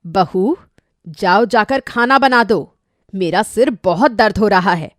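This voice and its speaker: A woman voicing a strict, sharp-tongued middle-aged mother-in-law in a cartoon story. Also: medium pitch, takes it slowly, dry recording, studio quality, close to an everyday voice. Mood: scolding. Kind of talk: cartoon voice acting.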